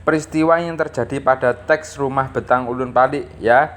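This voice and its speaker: With a medium-pitched, slightly bright voice, steady tone, and moderate pace, this East Javanese school teacher works through a lesson. He reads from the textbook, explains it didactically, and keeps adding small checking tags to his phrases.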